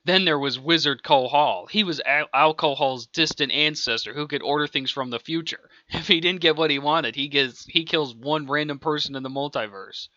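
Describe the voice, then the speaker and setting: A man casually reads out an improvised homemade audiobook, rambling and chuckling between lines. His voice is bright and a little high. The recording is dry and dull, like a lo-fi home setup. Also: normal speed, hardly any pauses, dry recording. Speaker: amateur audiobook reader. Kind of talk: casual improvised story narration.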